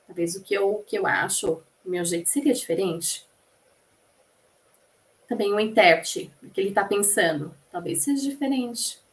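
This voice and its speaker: A woman gives a spoken lesson at a middle pitch. She explains points to a class and stops mid-phrase to restart. She turns often to the listeners with questions. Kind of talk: spoken lecture rendering.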